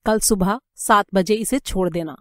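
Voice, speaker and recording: A woman's voice: medium pitch, a little slow, fairly bright tone, no echo, clean studio sound, close to an everyday voice. A woman voicing a stern but kindly male prison warden in an audiobook, speaking in a firm, advising tone.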